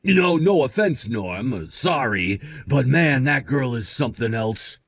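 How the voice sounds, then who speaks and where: Guy playing a chill young dude, slangy and casual, bouncy lively voice. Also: medium pitch, a little slow, creaky, exaggerated voice. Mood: scheming. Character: laid-back young boyfriend, easygoing.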